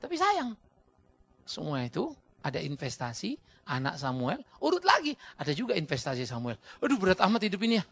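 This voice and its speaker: Animated man preaching with gravelly voice. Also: quick pace. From Indonesia. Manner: animated, swings between shouting and low asides, acts out quoted voices. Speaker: pastor. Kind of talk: sermon.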